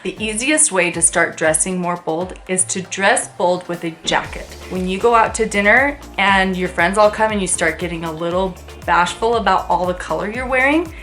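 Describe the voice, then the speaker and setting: A woman's voice: fairly low pitch, normal speed, hardly any pauses, a bit bright, soft background music. A woman in her thirties talking to camera in a sponsored family vlog, chatty and upbeat, speaking straight to her viewers. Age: 30s. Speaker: family vlogger.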